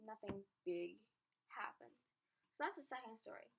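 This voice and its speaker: A woman's voice: medium pitch, expressive, normal speed, creaky, heavy background noise. A teenage girl telling a story in a casual vlog, chatty and self-mocking. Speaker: vlogger.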